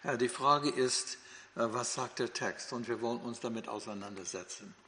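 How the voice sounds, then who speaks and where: Teaching the Bible in German, this older man from the United States, whose native language is English and who has an American accent, sounds hesitant, full of fillers and restarts. His medium-pitched voice is bright and forceful at a normal pace, echoing with long hall reverb.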